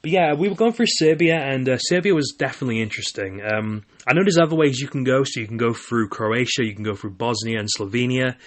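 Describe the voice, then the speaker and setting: A man's voice: mid-range voice, fast, few pauses. A young man from Wales talking casually on his solo podcast, rambling with lots of filler words and restarts. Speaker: podcast host.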